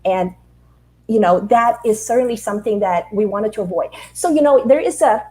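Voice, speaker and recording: With animated storytelling and rhetorical questions, a middle-aged Taiwanese leadership writer responds in an interview. Her mid-range voice moves at normal speed over a rough recording.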